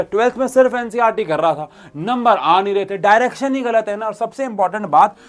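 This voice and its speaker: A young man teaching and pitching a crash course to students in an animated, coaxing way. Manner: animated, addresses students as bhaiya and babu. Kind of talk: energetic coaching pitch to students.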